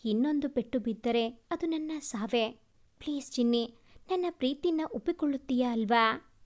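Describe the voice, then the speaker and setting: Female narrator as short-fused young husband, high-pitched, storybook reading. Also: moderate pace, close to an everyday voice. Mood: pleading tender. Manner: pleading, then harsh and scolding. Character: brooding young man confessing love, quick-tempered.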